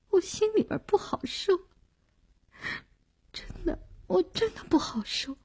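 A tender young woman, played by a woman narrator in an audiobook, soft and pleading, close to a whisper. Her voice is husky, and its pitch moves a lot. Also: dry recording, full character voice.

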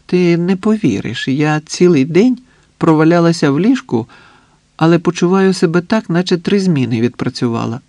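A man reading an audiobook voices a tired young woman who speaks in a weary, gently pleading way, in a somewhat higher voice than his own. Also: expressive, normal speed, dry recording.

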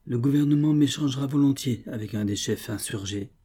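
A man voicing a young captive Russian officer, earnest and soft-spoken. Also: medium pitch, a little fast, breathy edge, pitched above the performer's own voice, close to an everyday voice.

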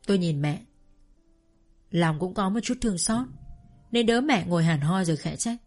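Woman narrating a story over soft music. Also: fairly low pitch, lively intonation, moderate pace. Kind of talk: first-person story narration.

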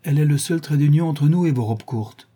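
Man reading cynical aristocrat, languid quips, dark husky voice. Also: a little high, a little fast, pitched above the performer's own voice. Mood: wry. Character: witty, cynical aristocratic gentleman.

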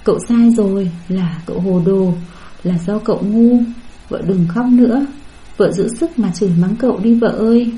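A woman's voice: mid-range voice, moderate pace, dark tone, natural voice, poor audio. Woman reading as a pleading young husband. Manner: coaxing and pleading. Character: remorseful young husband pleading with his wife.

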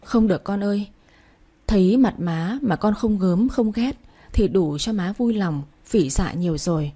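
A woman voicing a remorseful young mother who speaks softly and pleadingly, full of shame. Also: medium pitch, unhurried, slightly rough. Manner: soft, pleading.

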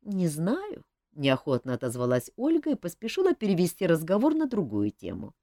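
A woman reads a novel aloud in measured storytelling, her voice sitting fairly low. Her pitch moves very expressively, and the recording is close and dead dry. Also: wildly swooping pitch, mellow, no room sound. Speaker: audiobook narrator. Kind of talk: scripted narration.

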